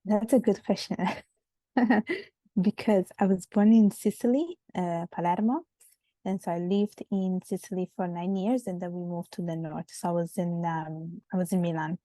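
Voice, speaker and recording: Low, flat woman. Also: normal speed, no room sound. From Italy. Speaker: podcast guest. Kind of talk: casual interview conversation.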